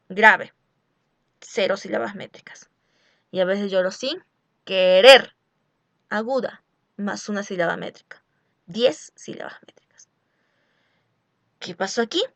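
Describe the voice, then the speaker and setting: Slow-explaining woman teacher, gravelly voice. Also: medium pitch, a bit bright, no room sound. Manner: slow, deliberate, spelling out syllables and asking rhetorical questions. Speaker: literature teacher. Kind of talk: recorded lecture on poetic meter.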